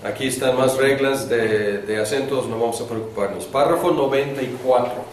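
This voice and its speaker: A man teaching a beginners' Greek lesson in class, talking slowly and thinking aloud with many fillers. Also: mid-range voice, slight background noise. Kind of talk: classroom lecture. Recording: echoey classroom from a distant mic.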